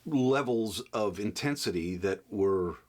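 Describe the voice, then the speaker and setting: Interviewed as an actor, a man with a fairly low, darkish voice tells a profane anecdote slowly and expressively. He's animated, acting out the other people's voices.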